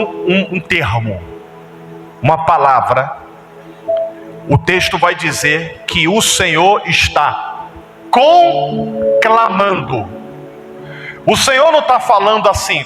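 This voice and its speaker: A Brazilian pastor preaches with a high, animated voice that swings widely in pitch, constantly quizzing the congregation. The sound is roomy, with a long church-hall reverb and music playing underneath. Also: male voice. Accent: Brazilian Portuguese. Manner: animated, asks congregation frequent rhetorical questions. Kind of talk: sermon.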